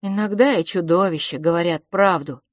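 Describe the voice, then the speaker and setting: A woman's voice: lowish voice, normal speed, dry recording, studio quality, lightly acted. A woman voicing Philipp, a frail and sickly boy who speaks bitterly and wearily, with sighs. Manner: bitter, sighing, subdued.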